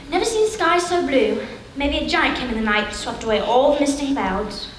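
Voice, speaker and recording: A woman's voice: high-pitched, expressive, normal speed, slight background noise. A woman playing a lonely, sulky young girl with a wistful way of talking, in a live stage play. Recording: echoey theater, mic far off.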